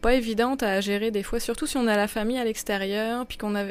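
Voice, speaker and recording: Woman, radio guest, slightly high voice, reflective and halting. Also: fairly even intonation, smooth. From France. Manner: thoughtful, with frequent restarts. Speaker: guest, immigration project officer. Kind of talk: conversational interview.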